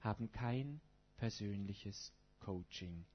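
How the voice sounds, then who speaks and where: A pastor with a lowish, slightly rough voice preaches slowly to his congregation in everyday language, asking them rhetorical questions. The recording is dull and lo-fi.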